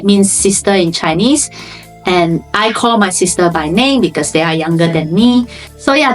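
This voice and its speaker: A woman in her thirties from Malaysia with a Malaysian English accent, chatting informally to camera in a vlog with loose grammar. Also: medium pitch. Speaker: vlogger. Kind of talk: casual chat to camera.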